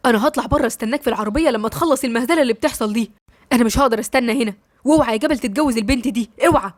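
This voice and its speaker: A woman's voice: fairly high pitch, very fast, dry recording, studio quality, natural voice. A woman voicing an angry, scornful middle-aged mother in Egyptian Arabic, scolding her son. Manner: scolding, contemptuous.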